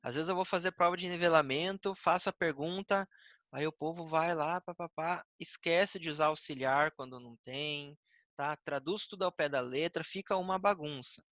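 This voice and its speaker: Brazilian male English teacher, bright tone, dry close sound, patient step-by-step explainer. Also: fairly high pitch, dry recording, dull audio. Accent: Brazilian Portuguese. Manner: explains patiently, ends phrases with "tá?" and "né?", reads English examples slowly. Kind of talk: recorded grammar lesson.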